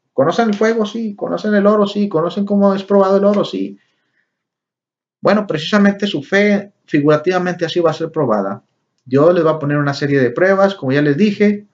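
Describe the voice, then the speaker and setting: A man teaching a Bible lesson, often calling his listeners brothers and asking them rhetorical questions. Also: fairly high pitch. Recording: dull lo-fi recording.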